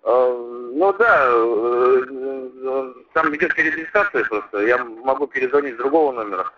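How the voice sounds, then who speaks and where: A man talking business casually over a landline phone, hesitant and halting, with vague answers. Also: mid-range voice. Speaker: recruiter taking a phone enquiry. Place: on a telephone line. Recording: muffled landline phone call, noisy line.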